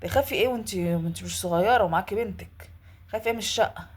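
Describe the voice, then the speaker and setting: A woman's voice: medium pitch, racing, breathy edge. A woman with an Egyptian Arabic accent who retells a viewer's story and then bluntly scolds her, in a casual advice-vlog monologue.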